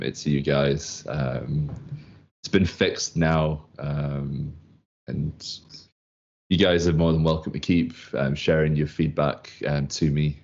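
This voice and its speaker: A man's voice: extremely low pitch, darkish tone. A man hosting a casual livestream chat, friendly and hesitant with many fillers. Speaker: community stream host. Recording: dull lo-fi stream audio.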